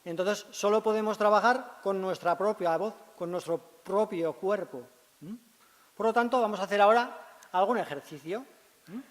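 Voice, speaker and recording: Guy explaining voice care at a congress, a bit high voiced, keeps tossing in little checks to the crowd, big echoey hall. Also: normal speed. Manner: teacherly, constantly checks in with tag questions. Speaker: speech therapist. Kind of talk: conference presentation. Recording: long reverb of a large hall.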